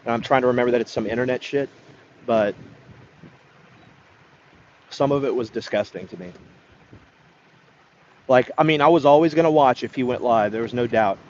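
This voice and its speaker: Man, livestream chatter, profane, halting restarts; muffled lo-fi audio. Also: medium pitch, slight background noise. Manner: rambling, profane, hesitant restarts. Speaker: livestreamer greeting chat. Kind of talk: casual livestream chat.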